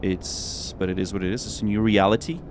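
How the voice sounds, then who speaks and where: A man's voice: sits low, steady tone, brisk, slight background noise. A young man streaming a flight simulator, talking casually and cheerfully to his viewers, rambling with fillers as he works. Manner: chatty, upbeat, rambling with fillers and self-talk. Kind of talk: casual livestream commentary.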